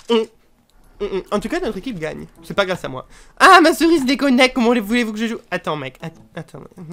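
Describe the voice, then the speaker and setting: A woman casually commentating her own gameplay, joking and swearing crudely, with sudden shouted outbursts. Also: medium pitch. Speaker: gaming channel host. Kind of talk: casual let's play commentary.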